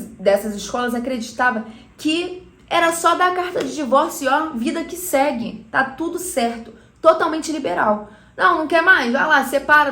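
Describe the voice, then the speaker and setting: A woman with a Brazilian Portuguese accent gives a conversational Bible lesson, explaining earnestly and speaking straight to her viewers. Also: fairly high pitch. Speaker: Bible teacher. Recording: roomy echo.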